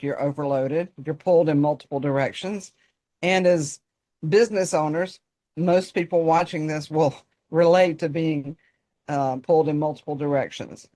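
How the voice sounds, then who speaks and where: A woman's voice: low voice, darkish tone. A woman with a North Carolina Southern accent, presenting informally as a coach and addressing listeners directly in a folksy way. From North Carolina, United States. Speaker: personal development coach, guest presenter.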